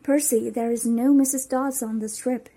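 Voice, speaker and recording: A courteous elderly male teacher, as a woman reading a storybook puts him on, formal and a little distracted. His words come in a gentle, measured register, somewhat high for a man. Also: fairly even intonation, slightly rough. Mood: concerned. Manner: polite, formal, mildly distracted. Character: older male teacher, genial and scholarly.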